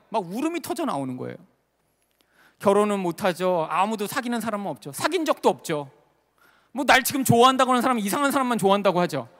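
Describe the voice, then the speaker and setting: A male pastor preaching to a crowd, his high voice swinging widely in pitch as he tells a story with feeling. His words ring out with a long reverb through a large worship hall, picked up on a stage microphone. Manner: animated, emotional storytelling with frequent fillers. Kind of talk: sermon with personal storytelling.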